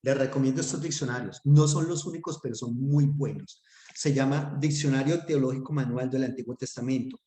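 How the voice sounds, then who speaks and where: A man's voice: medium pitch, fairly even intonation, fairly quick, mellow, echoey room. A man teaching a Hebrew class online, talking conversationally and asking his students rhetorical questions.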